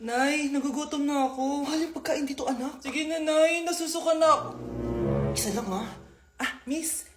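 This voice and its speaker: A woman with a very high voice, acting out every character in quick comic skits. Her delivery is bratty and exaggerated. An echoey room with music behind. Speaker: comedy sketch creator.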